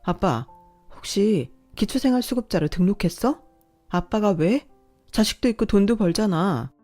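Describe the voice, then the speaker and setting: A woman's voice: medium pitch, animated, normal speed, mellow, faint music behind, pitched above the performer's own voice, lightly acted. A woman voicing a young married daughter who questions her father and husband insistently in a read-aloud story. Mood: accusing. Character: the daughter narrator, a young married office worker, direct and suspicious. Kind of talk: scripted story reading.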